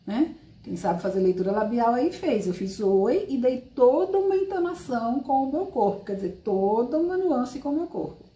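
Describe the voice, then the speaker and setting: Woman, teacher, from Brazil, patient explanatory lesson, mellow tone, echoey room. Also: on the high side, sing-song, normal speed, few pauses. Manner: explanatory, addresses class directly with frequent tag questions. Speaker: sign language teacher. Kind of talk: live-streamed language lesson.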